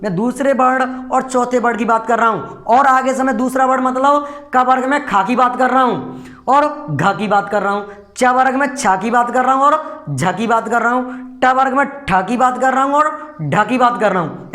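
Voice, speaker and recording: A man's voice: very high voice, moderate pace, sharp tone, reverberant. A man teaching a grammar lesson, explaining step by step and asking his students rhetorical questions. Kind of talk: classroom lecture.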